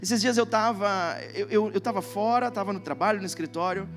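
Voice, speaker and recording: A middle-aged man with a Brazilian Portuguese accent preaching a sermon, telling a personal story and reading Scripture slowly and with emphasis. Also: sits high, music in the background. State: emotional. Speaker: pastor. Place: church stage.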